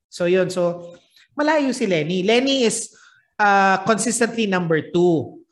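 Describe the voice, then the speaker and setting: A man's voice: high-pitched, slow pace, a little hiss or hum. A man with a Filipino accent hosting a casual podcast chat, talking loosely and laughing often. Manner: chatty, laughs often, mixes English into Filipino. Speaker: podcast host.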